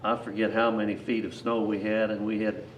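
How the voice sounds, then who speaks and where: An older man with a lowish voice tells a rambling grandpa story. He is folksy and plain-spoken, backtracking as he reminisces. The recording is echoey, with the microphone some distance away. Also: flat delivery, a little fast. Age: 60s or older. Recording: echoey, distant mic, faint noise.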